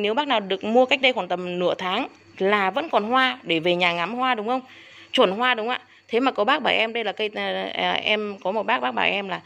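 A woman's voice: medium pitch, vocal fry, fairly bright tone. A woman selling orchids on camera, talking to her viewers in an indignant, repetitive way and calling them respectfully as elders. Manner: indignant, repeats herself, addresses viewers as elders. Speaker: orchid seller. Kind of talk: casual sales video talk to viewers.

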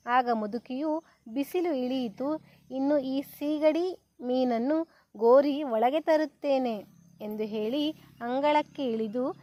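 A woman reading a children's story aloud in a calm storybook manner. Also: a little high, no room sound. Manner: slow, even storybook narration.

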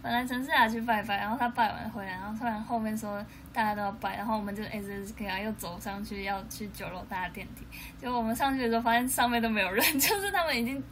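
A woman's voice: on the high side, quick pace, hardly any pauses. A young woman with a Taiwanese Mandarin accent chatting casually on a livestream, telling a story and acting out what people said. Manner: chatty storytelling, acting out her own quotes. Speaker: idol livestreamer. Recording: noisy livestream audio.

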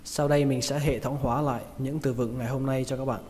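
A man with a Vietnamese accent gives an English pronunciation lesson, repeating each word slowly and stressing its syllables. His mid-range voice is steady and somewhat dark. The reverberant room carries faint noise.

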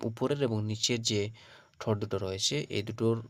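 A man teaching the Arabic alphabet for Quran reading. He calls out each letter loud and drawn out, then explains it softly, checking in with his listeners after every point. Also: on the low side, moderate pace, dry recording. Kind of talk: Arabic alphabet pronunciation lesson.

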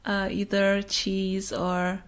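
Slow, easygoing woman who laughs a lot. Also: mid-range voice, completely flat delivery. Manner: slow, chatty, laughs often mid-sentence. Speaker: podcast host. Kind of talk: casual chat.

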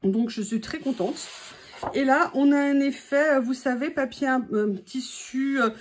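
Upbeat french woman showing off craft paper, highish voice, lots of euh and pauses. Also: a little hiss or hum. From France. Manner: enthusiastic, many fillers and hesitations. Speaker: crafting vlogger. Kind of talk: casual product haul chat.

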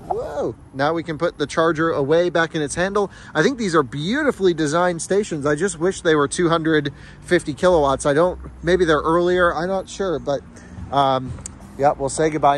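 A man's voice: a little high, normal speed, slight background noise. A young man hosting a car vlog, thinking aloud with enthusiasm as he films himself by phone at a charging station at night. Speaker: car channel host. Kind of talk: casual vlog commentary. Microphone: phone camera at arm's length.

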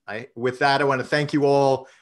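A man serving as treasurer presents a budget and runs a vote at an online council meeting, speaking in a measured way with many fillers and restarts. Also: mid-range voice, level tone. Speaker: treasurer and finance committee chair.

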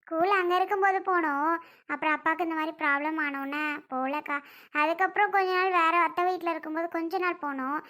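A woman playing a soft-spoken teenage girl who talks earnestly about giving up school for her family. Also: very high voice, fast. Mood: subdued. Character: quiet teenage girl, responsible and self-sacrificing. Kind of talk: family skit acting.

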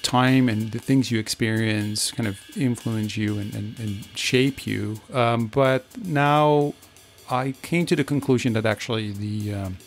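A man's voice: fairly low pitch, unhurried, soft background music. A man hosting a podcast, musing reflectively with fillers as he introduces an interview. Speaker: podcast host.

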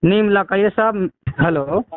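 Speaking a little slowly in a high-pitched voice with no echo, a Mewati-accented man from the Mewat region of India phones in a complaint. He recounts his grievance in a rambling, aggrieved way, with some swearing, and the call sounds narrow-band and tinny.

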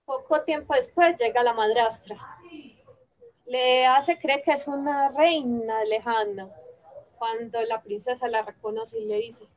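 Slow, halting woman telling a fairy tale. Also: sits high, lively intonation, rough recording. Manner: halting, with frequent self-corrections. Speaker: storyteller. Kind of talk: fairy-tale narration in a stage performance.

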